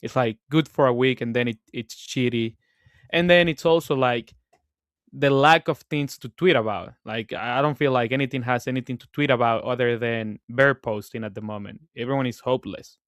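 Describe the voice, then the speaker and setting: A man with a smooth, clean voice talks in a relaxed, filler-heavy way as a podcast co-host. The sound is close and dry, with no room in it. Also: mid-range voice, normal speed, no echo. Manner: laid-back, filler-heavy. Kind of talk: casual podcast chat.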